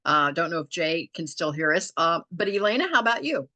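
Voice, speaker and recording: Woman host on a video call, bright and friendly, encouraging. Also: low voice, expressive, a little fast. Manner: friendly, encouraging, laughs easily. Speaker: online meeting host. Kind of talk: hosting a group video call.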